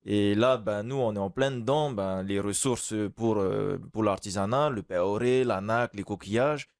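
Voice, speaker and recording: A man's voice: on the low side, normal speed, no room sound. A male craftsman guest in a studio interview, speaking hesitantly with many fillers.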